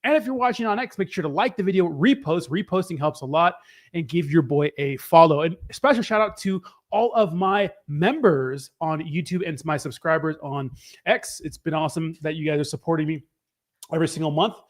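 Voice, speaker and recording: A male live stream host with a notably high voice that sounds a little hoarse. He chats casually and upbeat, mixing market news with slangy, informal greetings to his viewers. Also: animated, normal speed. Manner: upbeat, informal hype with slangy shout-outs. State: slightly hoarse voice.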